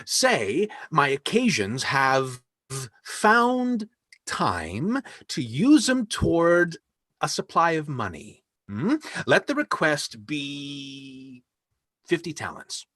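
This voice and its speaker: A proud, lavish nobleman voiced by a man in a live online play reading, his husky voice rising and falling widely as he lingers over each line. The sound is dry and close, as from a home microphone on a video call. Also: a little high, no echo, heavily acted. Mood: commanding. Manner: slow, lively, emphatic verse speaking. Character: lavish generous nobleman facing ruin.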